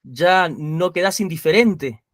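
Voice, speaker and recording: A man's voice: fairly high pitch, animated, slow pace, no echo, clean studio sound. A man hosting a philosophical conversation, musing aloud and often agreeing briefly. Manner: agreeable, musing, frequent short assents.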